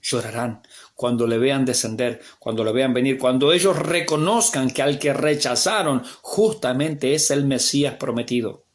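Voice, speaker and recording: A man with an Argentine accent, a pastor teaching a Bible class as a sermon, swinging between emphatic raised lines and hushed asides. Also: medium pitch, moderate pace. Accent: Argentine Spanish.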